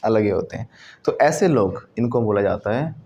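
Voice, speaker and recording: A male teacher with an Indian accent giving a classroom lesson, mixing Hindi and English and repeating words slowly for students to copy. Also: lowish voice, expressive, vocal fry, a little mellow, dull audio.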